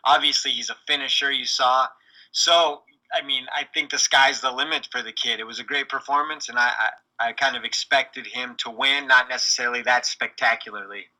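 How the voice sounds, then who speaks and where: Bright-toned man giving confident takes. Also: mid-range voice, fairly even intonation, fairly quick, rough recording. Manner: confident, opinionated analysis. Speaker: podcast co-host. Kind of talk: casual sports podcast chat.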